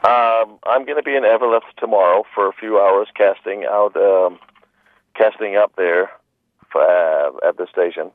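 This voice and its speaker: Deep-voiced man on a tinny phone line. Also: a little slow. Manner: joking, rambling, with repeated restarts. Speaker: film director being interviewed. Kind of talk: casual radio interview.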